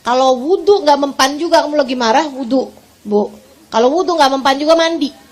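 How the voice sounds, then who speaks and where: High-voiced woman giving a lively sermon. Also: a little fast. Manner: animated storytelling with rhetorical questions to the audience. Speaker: religious teacher. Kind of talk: sermon to women.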